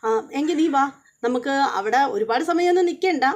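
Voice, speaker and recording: Woman reading a young wife dodging questions, high voice. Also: expressive, brisk, a little mellow. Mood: evasive. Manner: evasive, brushing things off. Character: evasive young wife hiding her hurt.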